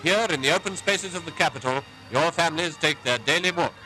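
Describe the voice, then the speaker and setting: A man narrating a 1940s newsreel in a formal, measured announcer style, heard as old archive film sound. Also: a little high, bright, forceful tone, low-quality recording. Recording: old newsreel with music underneath.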